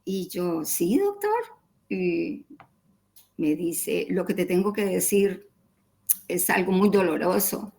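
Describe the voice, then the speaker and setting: A woman's voice: on the low side, flat delivery, takes it slowly, creaky, long pauses, a little mellow, rough recording. A middle-aged woman telling her personal story in an interview, acting out the dialogue in quoted voices and repeating words as she goes. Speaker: interview guest.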